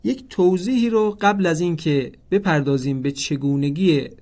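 A man teaching a Quran recitation lesson, speaking formally and slowly spelling out the names of the letters one by one. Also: on the high side, darkish tone. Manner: slow, deliberate, stresses each letter; formal, addresses listeners politely.

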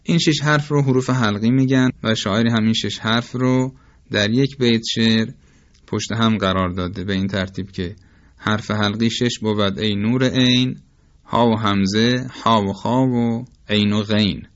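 A man's voice: lowish voice, steady tone. Careful man teaching pronunciation, lo-fi sound. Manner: slow, careful, demonstrates each sound aloud; formal and polite toward listeners. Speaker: Quran recitation teacher. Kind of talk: instructional lecture on tajweed.

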